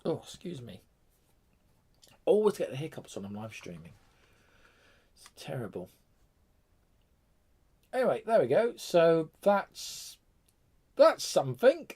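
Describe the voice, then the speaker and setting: A man's voice: sits high, gravelly, dark tone, breathy edge. Chatty British man hosting a tech stream. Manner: chatty, rambling, self-interrupting with fillers. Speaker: tech channel live-stream host. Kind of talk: casual live-stream chat.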